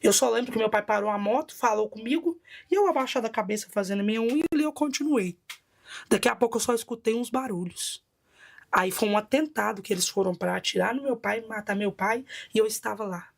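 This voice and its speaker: A woman's voice: on the high side, quick pace, vocal fry. A woman with a Brazilian Portuguese accent, a bishop giving a personal testimony in a vivid, dramatic storytelling manner.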